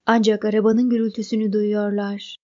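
A woman narrating a novel as an audiobook reader, in a measured, even reading. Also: mid-range voice, dull audio. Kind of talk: scripted narration.

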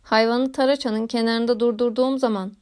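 A woman reading a classic novel aloud in a measured, literary narration. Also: a little high, steady tone, a little mellow, smooth. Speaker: audiobook narrator. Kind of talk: scripted narration.

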